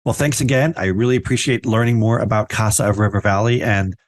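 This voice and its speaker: A man's voice: fairly low pitch, fast talker. A man with a New Jersey accent hosting a podcast, upbeat and affirming toward his guest. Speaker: podcast host. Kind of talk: podcast interview.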